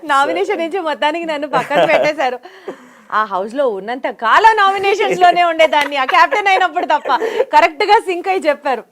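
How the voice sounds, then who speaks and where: A woman hosting a casual interview, tossing out playful questions and teasing remarks. Her voice is bright and high-pitched. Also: animated, a little fast. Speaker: interview host.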